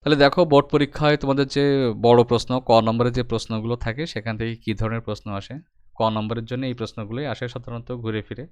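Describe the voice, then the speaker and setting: A man's voice: medium pitch, little pitch movement, fast talker, darkish tone, clear, resonant tone, dry recording. A man teaching a recorded exam-prep lesson, patiently explaining step by step and addressing his students directly.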